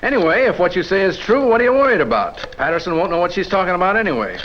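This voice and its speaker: An actor playing an honest, crusading male reporter who talks in a brisk, confident, pressing way, in a 1950s TV drama. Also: high-pitched, very animated, lo-fi sound, slight background noise.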